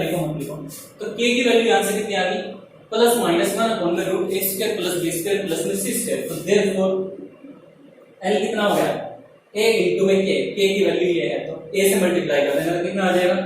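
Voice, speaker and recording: Male maths teacher, high voice, explaining step by step; distant mic in a very echoey room. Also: slight background noise. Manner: explains step by step, asking the class questions. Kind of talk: classroom maths lesson.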